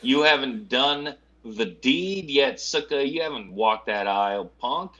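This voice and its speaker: A man's voice: mid-range voice, lively intonation, a little slow, fairly bright tone, muffled recording. A man co-hosting a casual livestream, teasing the others in a mock-tough way. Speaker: co-host.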